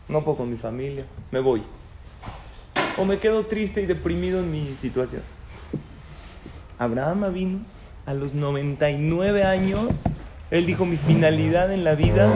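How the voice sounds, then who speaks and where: A man's voice: fairly high pitch, background noise. A man giving a religious talk to an audience, telling stories and asking them questions. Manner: storytelling, asks the audience questions. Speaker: rabbi lecturer. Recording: echoey room with faint ambience.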